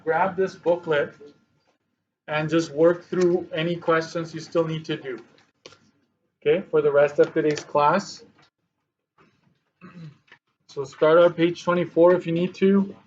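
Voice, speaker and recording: A man's voice: a little high, fairly even intonation, muffled recording, slight background noise. Man teaching a math lesson, thinking aloud. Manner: thinking aloud, slow and halting while working problems; dry, sarcastic asides.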